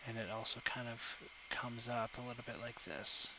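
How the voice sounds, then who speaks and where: A man's voice: mid-range voice, fairly even intonation, moderate pace, background noise. A young man talking through a live digital sculpting session at his desk mic, thinking aloud with lots of fillers and self-corrections. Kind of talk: casual live tutorial commentary. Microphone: desk microphone.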